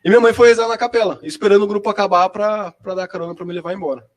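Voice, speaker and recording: A young man from São tells his story in relaxed street slang. His voice sits high, and the words tumble out at a rapid clip. He talks like a friend sharing memories. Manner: chatty, slangy storyteller, quick and lively. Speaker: seminarian guest. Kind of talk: personal testimony in casual chat.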